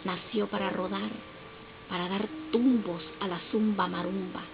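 A woman poet from Honduras speaking slowly and solemnly from a podium on a festival stage, recorded on a camera out in the hall. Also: mid-range voice, fairly even intonation. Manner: slow, solemn and declamatory. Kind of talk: poetry recital speech. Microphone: podium mic, camera far off in the hall. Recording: dull lo-fi camera audio with loud music.

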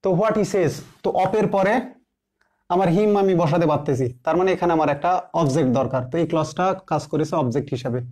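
A man teaching English grammar, slowly repeating example sentences word by word and answering his own questions. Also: fairly high pitch, mellow. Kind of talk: classroom grammar lesson.

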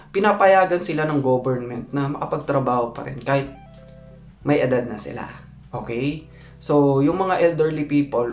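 A man from the Philippines telling a personal story in a casual vlog, often checking in with the viewer. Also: echoey room. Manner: chatty, often asks "no?" to the viewer; rises high when acting out his own thoughts. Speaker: vlogger.

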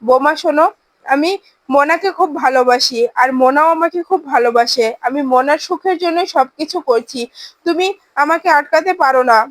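A woman voicing a scheming elderly grandfather who speaks slowly and soothingly while justifying himself. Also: sits high, no echo, close to an everyday voice. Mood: coaxing.

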